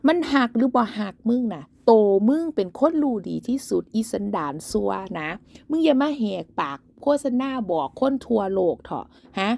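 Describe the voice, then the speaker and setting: A woman's voice: medium pitch, creaky, darkish tone, no room sound. A woman with an Isan accent ranting in a livestream, mocking and cursing heavily. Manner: breaks into cackling laughs. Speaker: online commentator.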